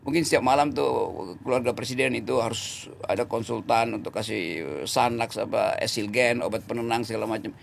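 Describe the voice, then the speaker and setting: A man's voice: mid-range voice, flat delivery, brisk, creaky, slight background noise. A man speaking as a political commentator in an interview, sarcastic and mocking, laughing mid-sentence and correcting himself as he hunts for words. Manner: repeats words while searching, self-correcting. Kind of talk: interview talk.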